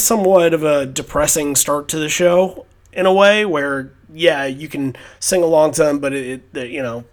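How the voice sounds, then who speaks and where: A man hosting a podcast in casual chat, talking in a rambling, reflective way. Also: fairly high pitch. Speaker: podcast host.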